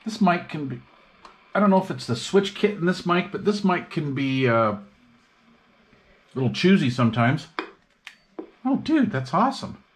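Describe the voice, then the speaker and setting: This hobbyist radio-repair vlogger has a fairly high, sing-song voice, speaks at normal speed, and pauses often. He thinks aloud in laid-back slang while showing gear at his indoor workbench, captured in a clearly noisy recording with clicks.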